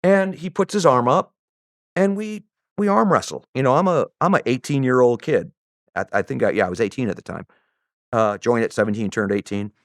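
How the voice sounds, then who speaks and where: A middle-aged man, a former special operations soldier, telling a story as a podcast guest in a lively, animated way, with many restarts and acted-out voices. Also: medium pitch, brisk, no echo, clean studio sound.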